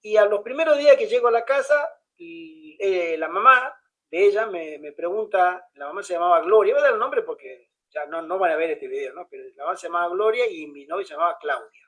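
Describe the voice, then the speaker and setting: A man's voice: sits high, fairly quick, poor audio. A man telling a personal story in casual conversation, acting out the other people's lines as he goes. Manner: animated, acts out the dialogue of others. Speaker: pastor.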